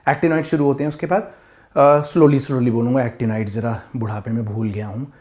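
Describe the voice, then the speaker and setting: A man teaches chemistry to his students in a classroom with a board. He talks straight to them in a lively way. His voice is mellow and warm, at a middle pitch. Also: moderate pace. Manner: lively, addresses students directly. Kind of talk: classroom lecture.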